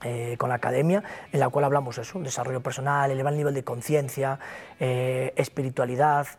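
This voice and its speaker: Soft background music sits beneath this interview guest, a Galician Spanish-accented man who founded a broker company. His medium-pitched voice is steady and a little mellow, moving a little fast. He's emphatic and motivational, repeating himself as he talks.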